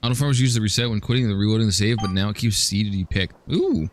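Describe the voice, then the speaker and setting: A man's voice: fairly low pitch, animated, fast, faint music behind. A man chatting casually on a livestream while he plays a game, joking and often stammering as he restarts his sentences. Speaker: streamer.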